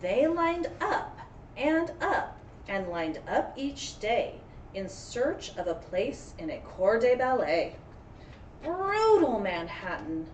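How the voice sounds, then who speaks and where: An elementary teacher reads a storybook aloud in a very lively, unhurried, somewhat high voice, adding drama, encouragement and friendly chat for children. She's recorded from a distance in a roomy, echoing space with faint background noise.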